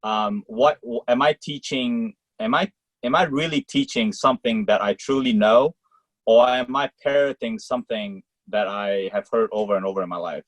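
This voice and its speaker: A man's voice: mid-range voice, no room sound, rough recording. Malaysian-born man coach, dry sound. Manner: talks in quick rambling clauses with many fillers. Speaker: college tennis coach. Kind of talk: casual interview answers.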